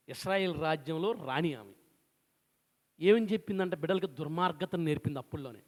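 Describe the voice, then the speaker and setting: A man's voice: high-pitched, big-room sound. A man preaching a sermon, retelling a scripture story with acted voices and rhetorical questions. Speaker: pastor.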